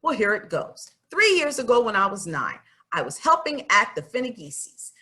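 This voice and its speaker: In a children's storybook narration, a woman voices an earnest, stubborn farm girl of about twelve telling her own tale. Her voice is bright and very animated in pitch, moving at a moderate pace, with a plain-spoken, folksy, confiding manner.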